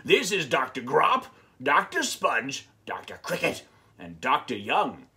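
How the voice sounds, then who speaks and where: A man's voice: mid-range voice, wildly swooping pitch, pushed and bright, full character voice. Man doing a ponderous, mumbling storybook doctor. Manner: hesitant, mumbling, drawn-out. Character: mumbling male family doctor, ponderous and formal.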